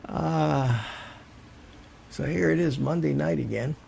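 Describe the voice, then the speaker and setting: An older man hosting a casual live stream, rambling and halting as he repeats words, with the low hiss of a fan behind him. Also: gravelly, darkish tone. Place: warm indoor room. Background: hissing fan.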